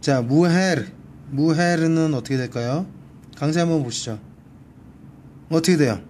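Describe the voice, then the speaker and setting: A Spanish tutor gives a one-on-one grammar lesson in a library, patiently repeating each word for practice. His voice is fairly high and warm, with slight background noise.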